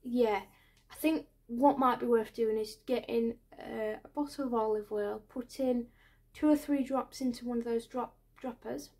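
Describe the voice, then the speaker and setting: Playing an ear doctor for an ASMR roleplay, a woman in her 20s speaks softly and very slowly in a steady, slightly high voice. She pauses hesitantly, explains things reassuringly, and stays close to the mic in a small room indoors.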